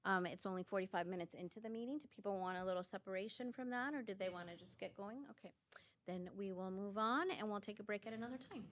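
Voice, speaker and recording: Relaxed woman chairing a board meeting. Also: mid-range voice, fast talker. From California. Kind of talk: running a public meeting.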